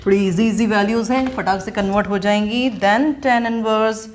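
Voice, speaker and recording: A woman's voice: medium pitch, steady tone. A woman maths teacher with an Indian English accent, going through a lesson step by step and asking her students check questions. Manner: slow and deliberate, reading out each step. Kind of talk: classroom lesson mixing Hindi and English. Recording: dull lo-fi recording with faint noise.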